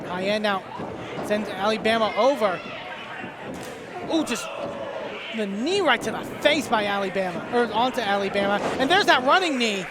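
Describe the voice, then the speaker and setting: High-pitched excitable male wrestling commentator. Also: moderate pace, long pauses. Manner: excitable, punctuates calls with exclamations. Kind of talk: live pro wrestling play-by-play commentary. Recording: noisy venue with loud crowd. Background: crowd noise.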